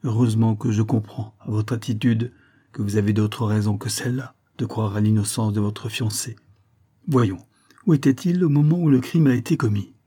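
Male reader as a shrewd storybook detective, calm, measured, kindly, dark tone. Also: on the low side, breathy edge.

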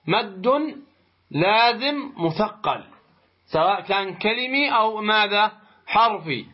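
A man teaching a tajweed lesson, explaining slowly and deliberately, pausing to pose rhetorical questions to his students. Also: high-pitched. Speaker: Quran recitation teacher. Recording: muffled lo-fi recording.

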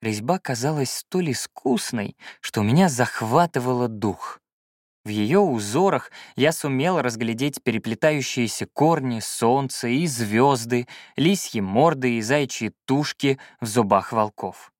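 A man narrating a first-person fantasy audiobook in an expressive storytelling manner. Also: mid-range voice, measured pace, dry recording, studio quality.

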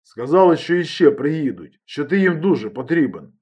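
A man doing a loud, agitated man on the phone. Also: on the high side, big pitch swings, moderate pace, husky. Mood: urgent. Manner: loud, blunt, urgent.

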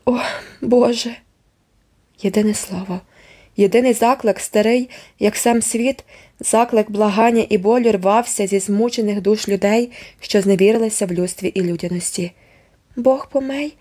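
A woman narrating a novel as an audiobook in a measured, expressive reading. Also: medium pitch. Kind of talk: scripted narration.

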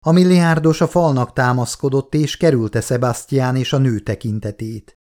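A man reading an audiobook aloud, narrating in a measured, dramatic storytelling manner. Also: medium pitch, darkish tone. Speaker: audiobook reader. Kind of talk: scripted narration.

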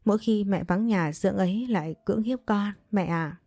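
A woman's voice: medium pitch, moderate pace, dark tone, no echo, faint music behind, close to an everyday voice. A woman voicing a frightened young girl who pleads timidly with her mother in a storybook tale. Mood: pleading.

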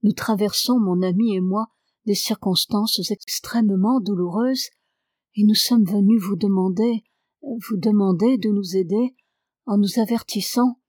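A woman's voice: medium pitch, measured pace, a little mellow, no room sound, studio quality, close to an everyday voice. A woman reading the lines of an older gray-haired lady who pleads urgently. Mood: anxious.

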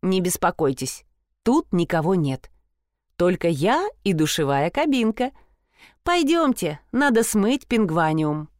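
A woman's voice: lowish voice, very animated, unhurried, a little mellow, no echo, clean studio sound. A woman reading an audiobook, voicing a cheerful young salon worker who reassures a client.

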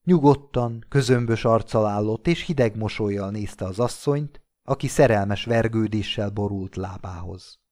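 A man reading classic literary fiction aloud, narrating in a measured, steady way. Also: fairly low pitch. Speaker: audiobook reader.

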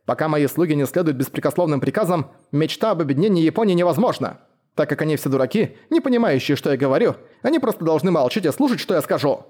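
A man's voice: a little high, expressive, fast, slightly rough. A man voicing a proud, fiery young female warlord. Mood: cold, stern. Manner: scolding, shouting insults. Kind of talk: audiobook character voice.

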